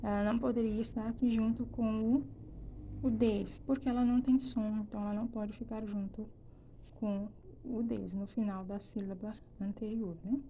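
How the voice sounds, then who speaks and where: A woman's voice: on the high side, fairly even intonation, phone-quality sound, a little hiss or hum. A woman from Brazil teaching a language lesson, explaining step by step with many restarts and checks for understanding. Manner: explains slowly, with frequent "né?" and "então" restarts. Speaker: Spanish teacher. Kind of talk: recorded classroom lesson.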